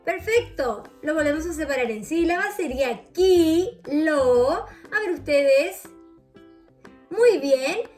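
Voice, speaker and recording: A woman teaching young children to read, patient and drawn-out, often checking that they follow. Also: high voice, animated, soft background music. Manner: slow, patient, drawn-out words with checking questions. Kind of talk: children's reading lesson.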